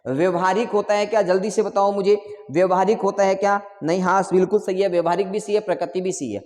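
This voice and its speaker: A man's voice: high-pitched, steady tone, fast, darkish tone, in a large hall. A male teacher giving an online exam-prep lesson, repeating answers and quizzing his students again and again.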